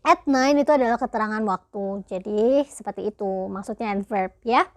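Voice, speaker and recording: A woman's voice: medium pitch, no echo. Chatty Indonesian woman teaching English. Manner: chatty, switches between casual explanation and slow drilled example sentences. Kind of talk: online lesson explaining grammar.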